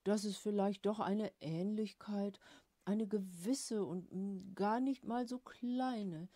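A woman voicing a blustering, vain middle-aged father who speaks loudly and gruffly. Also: lowish voice, expressive, slow, no echo, studio quality, exaggerated voice. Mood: grudging.

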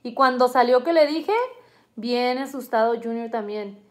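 A woman's voice: fairly high pitch, moderate pace. A woman and mother earnestly recounting a family illness in a vivid personal story, often restarting her sentences.

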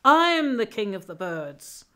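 A woman voicing a proud male eagle in a told folk tale, loud and declaiming. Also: a little high, big pitch swings, slow, full character voice. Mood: boastful.

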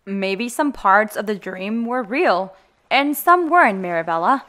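A woman voicing a cautious, caring adoptive mother in an animated game story. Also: medium pitch, measured pace. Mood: wary, doubtful.

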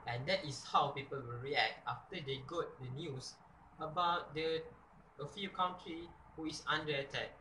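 A man's voice: a little high, moderate pace, sharp tone, a little hiss or hum. A young man with a Malaysian accent, talking earnestly to a camera in a dorm room and acting out short skits. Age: young adult. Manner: switches between earnest talk and mocking skits. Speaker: sketch vlogger. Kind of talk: video commentary with skits. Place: dormitory room, indoors. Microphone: camera mic at short distance. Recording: echoey room.

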